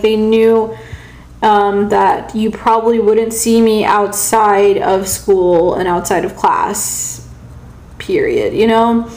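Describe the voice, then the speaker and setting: A young American-accented woman, born in Pakistan and now from South Carolina, hesitantly rambles through a casual home vlog, halting with long pauses. Her voice is fairly high with a darkish tone, picked up by a camera or phone at arm's length in a small, echoey room with shelves.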